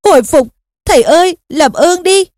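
A woman's voice: high voice, animated, fairly quick, darkish tone, no echo, studio quality, voice pushed up. A woman voicing a desperate teenage boy wizard, urging and pleading frantically. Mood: frantic.

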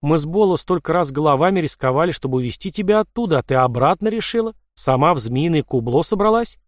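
A man's voice: on the high side, expressive, fast, dry recording, clean studio sound, close to an everyday voice. A man reading the part of a blunt, plain-spoken young Cossack man in an audiobook. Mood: scolding.

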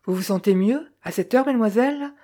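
A woman doing a male aviator in an audiobook, rattled yet polite. He hurries his words out of breath, in a warm, mellow voice. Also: fairly high pitch, fairly quick, pitched above the performer's own voice, close to an everyday voice. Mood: urgent, shaken.

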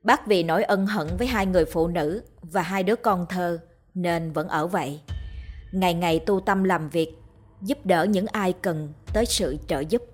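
A woman storyteller reading a ghost story in a steady, measured way. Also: lowish voice. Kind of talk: scripted narration of a ghost story.

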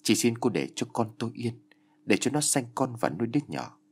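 A man's voice: mid-range voice, sing-song, brisk, slightly rough. Man doing a terrified guilty mother. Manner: frightened, stammering pleas. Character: guilty middle-aged mother, terrified and remorseful.

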